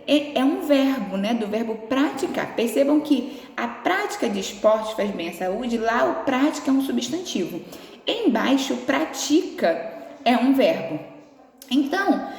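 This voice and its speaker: A fairly high-voiced Brazilian woman talking a class through its exercises with a lively, up-and-down pitch. She explains step by step and softens her words with affectionate little forms. The voice rings out in a roomy space with a long echo trailing behind it. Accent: Brazilian Portuguese. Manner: patient, explains slowly, affectionate diminutives. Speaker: teacher. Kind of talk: remote class lesson. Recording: echoey room with long reverb.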